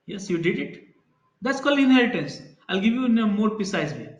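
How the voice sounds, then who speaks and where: A programming instructor with a high, sing-song voice speaks briskly in a reverberant space during a live online class. He explains concepts through everyday examples and checks in with his students.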